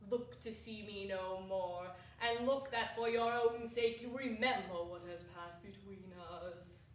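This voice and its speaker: A woman playing the mournful chained ghost of a dead business partner in a dramatic stage reading, slow and lamenting. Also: mid-range voice, a little hiss or hum, lightly acted. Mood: warning. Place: small theatre stage. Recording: echoey hall from far off.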